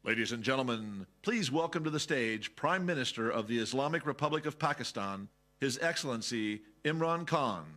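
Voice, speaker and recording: A man announcing speakers to the stage in a ceremonial, measured way. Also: mid-range voice, animated, sharp tone. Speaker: event announcer.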